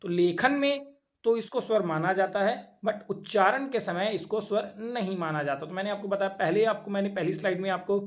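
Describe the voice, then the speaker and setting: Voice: mid-range voice, lo-fi sound. Teacher quizzing the class with rhetorical questions. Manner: keeps asking rhetorical questions and answering them; drawn-out, repeated vowel demonstrations. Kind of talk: exam-prep classroom lecture.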